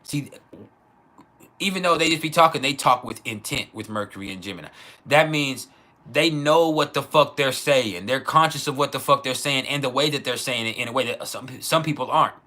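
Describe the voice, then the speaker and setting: Bright, forceful man talking casually on livestream. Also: medium pitch, a little fast. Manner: profane, slangy; repeats phrases for emphasis. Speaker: astrology livestream host.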